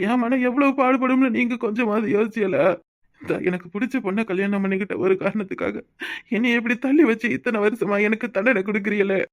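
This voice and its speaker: A man's voice: sits high, fast. A man voicing a young married son who speaks a southern Tamil village dialect and complains to his mother that he feels hurt and abandoned, in a cartoon. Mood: hurt, resentful. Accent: southern Tamil Nadu village dialect. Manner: aggrieved, emotional complaining. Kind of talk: cartoon voice acting.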